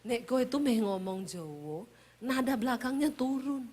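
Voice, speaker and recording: A woman voicing her mild, soft-spoken Javanese husband, who talks quietly in a low tone that falls at the end of each phrase. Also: monotone, measured pace. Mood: gently complaining. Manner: quiet, low, gently falling tone.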